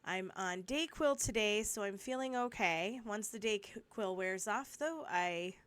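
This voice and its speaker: A woman with a cold and a cough, talking through a Bible study in a chatty, rambling way, with asides and restarts, and reading the verses slowly and steadily. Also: mid-range voice, animated, a bit bright, clear, resonant tone, no room sound. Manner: reads scripture slowly and steadily. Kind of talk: casual Bible study talk.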